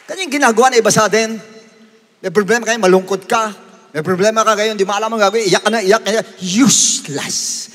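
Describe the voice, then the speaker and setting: High, bright-voiced pastor preaching. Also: male voice, fast talker, in a large hall. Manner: emphatic preaching, swings from quiet asides to shouted exhortations. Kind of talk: sermon. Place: large church sanctuary.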